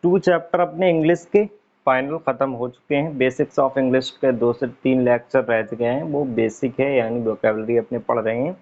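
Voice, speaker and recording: A man teaching an English pronunciation lesson, repeating words slowly as he writes them out. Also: mid-range voice, steady tone, a little mellow. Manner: repeats words slowly while writing on a board, frequent 'theek hai'. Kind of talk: casual online lesson. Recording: dull lo-fi recording.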